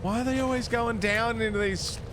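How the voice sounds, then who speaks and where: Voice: mid-range voice, fairly even intonation, moderate pace, noisy background. A game streamer giving casual, playful, profane live commentary while playing. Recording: music behind the voice. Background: game music.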